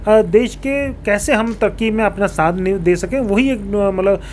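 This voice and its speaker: Speaking at a measured pace in a high voice with a darkish tone, a local politician answers formally and uses English terms to explain his points. He sits on a sofa in a small indoor office with a handheld reporter mic held toward him, and background room noise comes through clearly.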